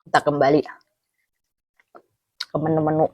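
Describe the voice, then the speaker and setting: A woman with a low voice and a Javanese accent from Cilacap chats casually through mouthfuls of food. She hums between phrases as she eats, and the sound is close and dry. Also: flat delivery, moderate pace, no echo, muffled recording. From Cilacap, Central Java, Indonesia. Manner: talks with mouth full while eating, with savouring hums. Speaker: food vlogger. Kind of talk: casual eating chat, mukbang.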